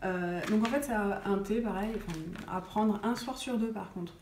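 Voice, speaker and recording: A woman's voice: medium pitch, moderate pace, darkish tone. A woman vlogging about wellness in a casual chat to the camera, chatty and full of hesitations. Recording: roomy sound with faint noise.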